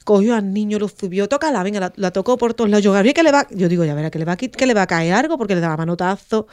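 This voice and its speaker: A woman's voice: mid-range voice, rapid-fire, clean tone, no echo. A woman, a radio guest telling an emotional story and acting out the quoted voices. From Andalusia, Spain. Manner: animated, acts out quoted dialogue.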